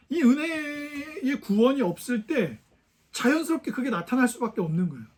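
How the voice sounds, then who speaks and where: Male pastor with a high voice, preaching casually and questioning the congregation. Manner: conversational preaching with many rhetorical questions to the congregation. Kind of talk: sermon. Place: church sanctuary.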